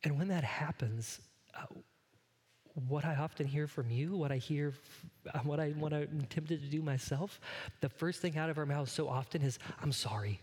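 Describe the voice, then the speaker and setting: With a somewhat high but darkish voice, a man preaches at a moderate pace and in a steady tone, the sound filling a big room. The pastor is earnest and conversational, often speaking straight to his congregation.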